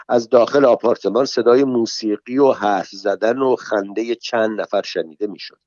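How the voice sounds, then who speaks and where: Guy reading a first-person audiobook, calm and measured, close dry mic, kinda dull lo-fi sound. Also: medium pitch, dry recording. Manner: calm, measured, plain storytelling. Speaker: narrator.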